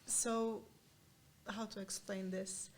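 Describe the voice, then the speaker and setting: A woman, a guest in a casual interview, telling her story hesitantly with many pauses and restarts. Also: medium pitch, level tone, a little hiss or hum. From Portugal and Angola.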